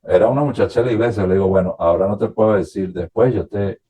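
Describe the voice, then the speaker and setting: A Venezuelan priest appears as a guest on a radio interview, telling his own story and recounting past conversations in a halting, reflective way. His voice is on the low side, mellow and husky.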